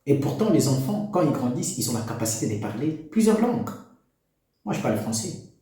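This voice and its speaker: Sing-song and a little fast, this man's mellow, medium-pitched voice carries a preachy opinion monologue to camera for parents. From DR Congo and a first-language speaker of a Congolese national language, he exhorts with many rhetorical questions in an echoey room.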